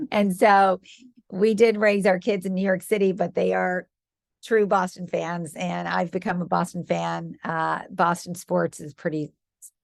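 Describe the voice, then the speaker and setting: Her voice fairly low and creaky, this Midwestern woman in her fifties, from Michigan, is a company founder telling her story as a podcast guest, warm and quick to laugh lightly. The recording is dry and studio quality.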